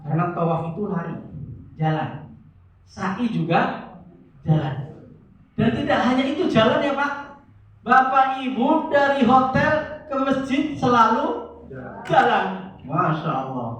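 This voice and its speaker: A man teaching pilgrims before their trip, lively and jokey, often calling out to the listeners. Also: extremely high pitch, unhurried, pauses often, a little hiss or hum. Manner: lively, jokey, addresses audience as Pak and Bu. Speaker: umrah guide instructor. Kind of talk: religious briefing lecture. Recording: echoey hall, distant muffled recording.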